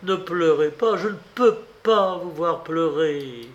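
A tormented young servant girl cries out in anguished pleading, as a male reader puts her on. The voice climbs high and strained against a slow, drawn-out delivery. Her outbursts are desperate rather than controlled. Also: dull audio.

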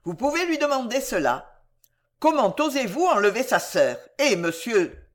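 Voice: medium pitch, big pitch swings, voice pushed up, natural voice. A reader doing a fussy, pleading little lawyer. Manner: slow, pleading, repetitive. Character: fussy little male lawyer, anxious and placating. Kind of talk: audiobook character voice.

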